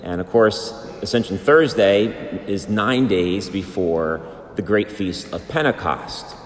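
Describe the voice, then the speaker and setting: Slowly chanting the liturgical greetings, a low-voiced male priest from the United States leads a sermon and liturgical reading. His amplified voice fills a large church with long, echoing reverb, and a little hiss or hum sits underneath.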